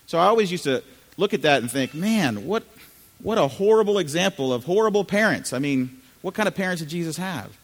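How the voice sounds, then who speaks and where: Middle-aged male pastor, conversational sermon, asks the room questions, long reverb of a church hall. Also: fairly high pitch. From Chile. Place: church sanctuary.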